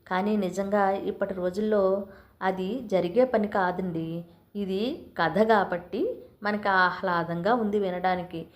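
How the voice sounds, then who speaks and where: A woman reading a short story aloud and chatting gently with her listeners as the host of her own channel. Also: mid-range voice, fairly even intonation, a little slow. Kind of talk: scripted story narration. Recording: roomy echo.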